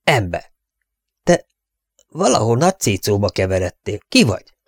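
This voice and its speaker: A man voicing a gruff, suspicious male ranch guard in an audiobook. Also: lowish voice, very animated, no echo, studio quality.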